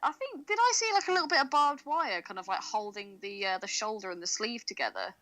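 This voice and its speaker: A woman's voice: medium pitch, expressive, fairly quick, fairly bright tone, rough recording. A woman co-hosting a podcast, chatting casually about a film, laughing often and thinking aloud with fillers. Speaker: podcast co-host. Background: faint music.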